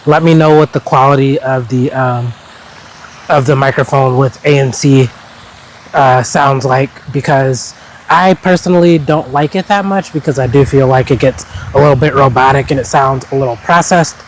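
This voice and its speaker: A man's voice: medium pitch, moderate pace, poor audio. A young man giving a casual review outdoors in a park on a wireless clip-on mic, his voice slightly robotic from noise cancellation processing. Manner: relaxed, many um fillers. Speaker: tech reviewer. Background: wind and fountain noise.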